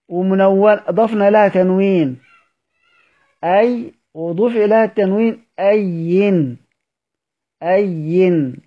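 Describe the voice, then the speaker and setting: Egyptian male teacher, high voice, quizzing students, dull lo-fi recording. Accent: Egyptian Arabic. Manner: explanatory, quizzing students with questions and answering himself. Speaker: Quran recitation teacher. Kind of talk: recorded study-circle lesson.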